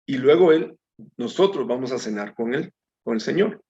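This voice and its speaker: Gravelly man leading a Bible study. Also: mid-range voice, lively intonation, normal speed, dark tone. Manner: conversational, addresses listeners as brethren; reads scripture aloud with small slips. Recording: dull lo-fi recording.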